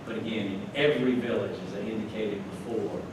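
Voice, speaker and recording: An older man from North Carolina, a guest at a club meeting, gives a chatty slide talk in a folksy style, chuckling through his asides. He speaks a little fast in a lowish, steady voice. The meeting hall recording is noisy and echoey, picked up from far off.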